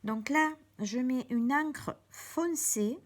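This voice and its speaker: Seated at her craft table, a woman teaches card-making step by step in a chatty way, making small restarts as she goes. Her voice is high-pitched and she speaks slowly.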